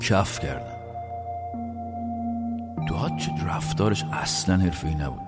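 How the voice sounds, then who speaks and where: A man hosting a show, telling a funny personal story in a lively monologue and acting out the dialogue. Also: sits low, over loud music. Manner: animated, acts out quoted dialogue. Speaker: show host.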